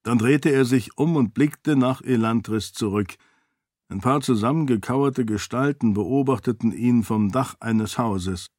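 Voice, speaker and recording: A man reading a fantasy novel aloud in measured, even storytelling narration. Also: medium pitch, dry recording, studio quality. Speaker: audiobook narrator. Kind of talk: scripted narration.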